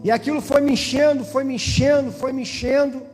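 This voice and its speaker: A man's voice: extremely high pitch, fairly even intonation, a little fast, a little mellow. A man with a Brazilian accent from Espírito Santo, giving a testimony in an evangelical church and speaking directly to the pastor and the congregation. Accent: Brazilian Portuguese, Espírito Santo. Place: church hall. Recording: church hall reverb with faint music.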